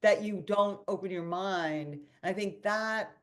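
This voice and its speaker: Over a video call, a woman who founded a company hosts a webinar conversation, telling a story animatedly with restarts and quoted asides. Her voice is mid-range and her pace slow.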